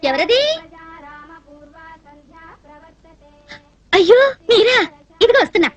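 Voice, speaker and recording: A woman's voice: very high voice, expressive, fast, muffled recording. A woman dubbing a teasing, weepy young woman in a film comedy, speaking in a melodramatic pleading manner. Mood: welcoming. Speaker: dubbed film heroine. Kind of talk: dubbed film dialogue.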